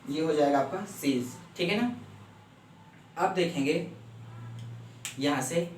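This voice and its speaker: A man teaching a shorthand lesson step by step, often stopping to ask if it is clear. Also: on the high side, slow, a little hiss or hum. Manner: explains step by step, keeps checking "clear?". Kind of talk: classroom lecture. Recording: echoey room, mic far off.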